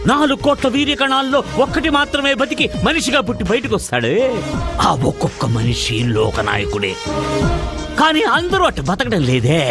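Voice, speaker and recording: An actor playing a defiant rustic village man who lectures and scolds with passion, in dubbed film dialogue. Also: a little high. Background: film score.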